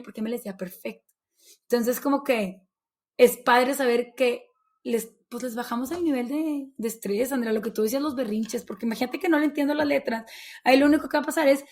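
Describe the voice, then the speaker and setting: A Mexican woman, a baby sign language instructor, chatting as an interview guest and acting out little exchanges with her kids. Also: fairly high pitch. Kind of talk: casual interview chat.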